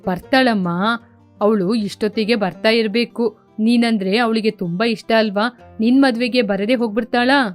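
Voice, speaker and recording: A kindly, jovial family elder man in an animated storybook, fatherly and teasing, as a woman puts him on. The voice sits lower than her usual high voice, with soft music playing faintly underneath. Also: normal speed, close to an everyday voice. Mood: reassuring.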